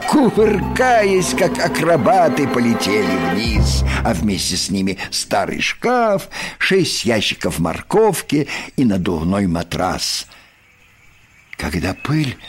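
Male storyteller for a children's tale, slow, very lively intonation. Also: lowish voice. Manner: expressive, unhurried. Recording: story reading with soft music.

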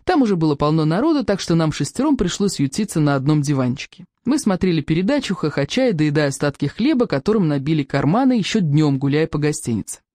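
A reader narrating a children's book in a lively storytelling manner. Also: mid-range voice, quick pace, hardly any pauses, dry recording, studio quality. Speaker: audiobook reader.

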